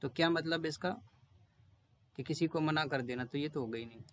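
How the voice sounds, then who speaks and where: Male English tutor, slightly high voice, slow repetitive pronunciation drills, chatty asides. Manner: repeats each word several times, reads English definitions slowly; homely, conversational asides to students. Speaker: English teacher. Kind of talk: explaining vocabulary and drilling pronunciation.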